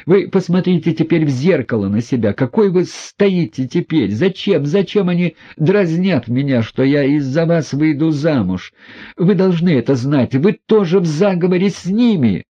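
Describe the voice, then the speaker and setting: A proud young woman in hysterics, as a male audiobook narrator puts her on, her voice driven well above his own and pushed loud. She hurls one accusing outburst after another. The recording is dull and lo-fi. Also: on the high side, animated, normal speed, pitched above the performer's own voice. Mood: hysterical.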